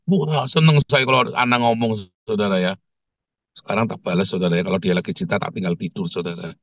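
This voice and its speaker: A man preaching a conversational sermon as a pastor, speaking with a tinge, animated and joking and often calling out to his listeners. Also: fairly low pitch, fast talker, dry recording, dull audio. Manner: animated storyteller, jokes and laughs, keeps addressing listeners as brethren.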